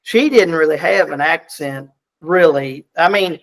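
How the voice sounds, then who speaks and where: A man's voice: on the high side, lively intonation, unhurried, a bit bright, poor audio. A middle-aged man with a Southern US accent, a country duet singer chatting in an interview with folksy, self-deprecating talk and frequent repeated word starts. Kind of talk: casual interview chat.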